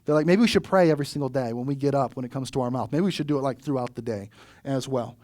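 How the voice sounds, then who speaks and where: A man preaching a sermon as pastor, telling stories in a conversational, animated way and often asking "right?". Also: mid-range voice, fast talker, no echo, studio quality.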